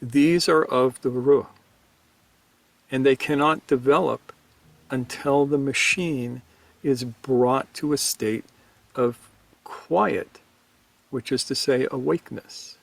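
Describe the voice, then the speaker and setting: A man co-hosting a spiritual talk show, explaining ideas in a measured, emphatic way. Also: medium pitch, gravelly, no echo. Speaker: podcast co-host teaching on Gurdjieff. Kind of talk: reflective spiritual discussion.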